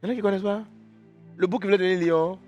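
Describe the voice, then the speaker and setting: A man preacher telling an animal story in a lively way during a devotional sermon in a church. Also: high voice, rapid-fire, lo-fi sound, soft background music.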